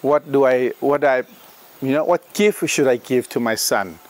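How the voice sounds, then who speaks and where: An Australian man in his fifties reflects on his personal story during an outdoor interview in a leafy garden. His mid-range voice is halting, with frequent pauses, fillers, and restarts.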